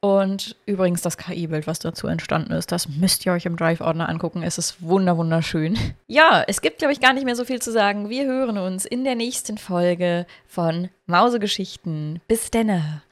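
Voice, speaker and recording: A woman reading a first-person short story aloud and hosting her story podcast, in a calm, even storytelling manner. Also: lowish voice, moderate pace, dry recording. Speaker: story reader and podcast host.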